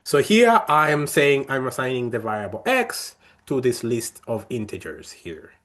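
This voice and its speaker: A man's voice: mid-range voice, very animated, normal speed, a bit bright. A young man leading a coding workshop, explaining each step in a friendly way with many fillers and restarts. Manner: friendly, talks through steps with frequent fillers and restarts. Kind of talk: live coding tutorial.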